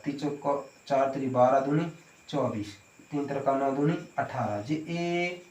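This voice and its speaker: A man teaching an exam-prep maths lesson, explaining step by step and asking questions before answering them himself. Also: mid-range voice. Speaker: maths tutor. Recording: echoey room.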